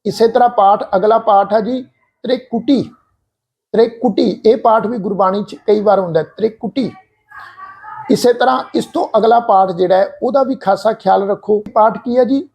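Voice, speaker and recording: A man teaching correct pronunciation of scripture, speaking slowly and deliberately, repeating and drawing out syllables to demonstrate them, and politely addressing the congregation. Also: high voice, darkish tone. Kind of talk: patient instructional explanation.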